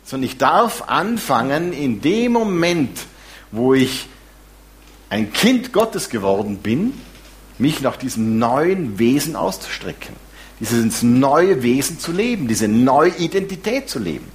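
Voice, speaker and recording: A man preaching a sermon, lively and warm in his asides, with some self-deprecating humor. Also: mid-range voice, a little slow. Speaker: pastor.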